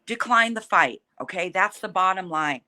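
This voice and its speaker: A woman's voice: lowish voice, expressive, moderate pace, bright, forceful tone. A woman fighter talking casually in an interview, feisty, combative and blunt, swearing freely as she talks trash.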